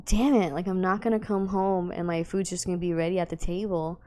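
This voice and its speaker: A woman's voice: on the low side, flat delivery, a little fast, a little mellow. A young woman co-hosting a podcast, chatting casually and laughing often as she tells an emotional story. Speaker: podcast co-host. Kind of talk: casual chat.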